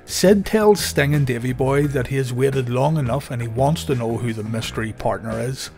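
A man giving scripted documentary narration in a steady storytelling delivery. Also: mid-range voice, normal speed, soft background music.

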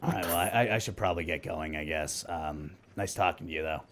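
A man voicing a casual, evasive undead killer with a husky voice and a hesitant, awkwardly polite manner in a tabletop game. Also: low-pitched, a little fast.

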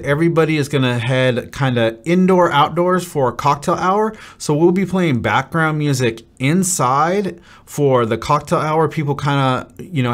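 A man in his thirties speaks to camera as a wedding DJ, upbeat and practical, walking couples through each part of the day. His voice sits at an ordinary middle pitch. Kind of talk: venue overview talk to camera. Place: dim studio set with brick wall.

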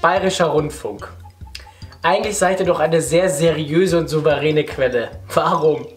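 A man's voice: a little high, normal speed, faint music behind. A young man giving casual, slangy, mock-serious reaction commentary to the camera in a living room. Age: young adult. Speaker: YouTuber reacting to videos.

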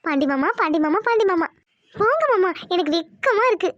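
A woman's voice: high voice, brisk, no room sound, muffled recording, lightly acted. A woman voicing a sweet, coy young village wife, cooing and affectionate in a cartoon.

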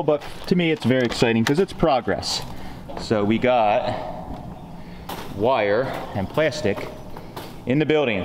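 A man's voice: medium pitch, darkish tone, a little hiss or hum. A man in his thirties from Pennsylvania, hosting a casual garage vlog and giving a rambling, easygoing update with plenty of fillers, filmed at arm's length in a large cluttered car shop. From Pennsylvania, USA. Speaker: garage owner and vlog host. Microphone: camera at arm's length.

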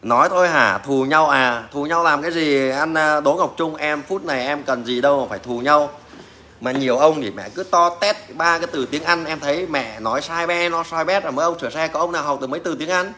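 A middle-aged mechanic, talking off the cuff in a blunt, mocking way and swearing as he goes. His voice sits a little high for a man, with a faint hiss of noise behind it. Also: fairly quick, pushed and bright. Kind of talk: casual rant to fellow mechanics.

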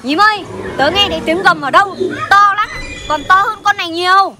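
Woman vlogger, very high voice, excited exclaiming chat, loud music behind. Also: fairly quick. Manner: animated, exclaiming, calls to friends. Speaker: vlog host. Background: loud background music.

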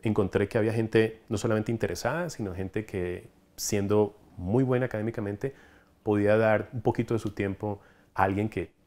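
A man in his forties from Ecuador with a coastal Ecuadorian accent, telling stories with animated enthusiasm in a documentary interview, recorded on a lapel mic in a room lined with specimen cabinets. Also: fairly low pitch, normal speed. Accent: Ecuadorian coastal Spanish. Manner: animated, enthusiastic storytelling with hand gestures. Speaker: entomologist, collections coordinator.

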